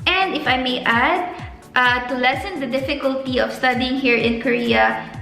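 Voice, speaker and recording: Young filipino woman, filipino accent, grad student vlogging advice, creaky voice, roomy echo. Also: high-pitched, moderate pace, bright, forceful tone. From Philippines. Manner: earnest, stretches words for emphasis. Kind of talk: casual advice vlog. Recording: echoey room with faint music.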